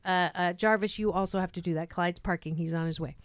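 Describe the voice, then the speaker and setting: Fast-talking and smooth, this lowish female voice keeps a steady tone with no echo. It belongs to a chatty, bubbly middle-aged host from Canada on a radio talk show, who laughs a lot and often starts her sentences over during casual chats with guests.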